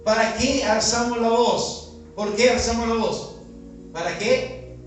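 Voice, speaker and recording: A Uruguayan pastor with a notably high voice preaches outdoors, throwing question after question at the congregation. The sound is very echoey and picked up from far off the mic. Faint music sits under his voice. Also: steady tone, slow pace. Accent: Uruguayan Spanish. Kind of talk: sermon. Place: outdoor gathering in a neighborhood.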